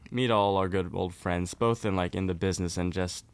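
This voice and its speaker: A young man from Norway talks in a relaxed, chatty way as a guest on an interview podcast. His voice sits fairly low and sounds smooth and resonant. He laughs easily between answers. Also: fairly quick, no room sound. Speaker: guest musician. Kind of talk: casual interview.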